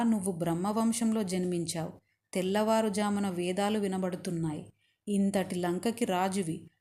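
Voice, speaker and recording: A woman's voice: medium pitch, warm tone, lightly acted. A woman reading a stern, righteous captive queen. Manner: scolding, lecturing.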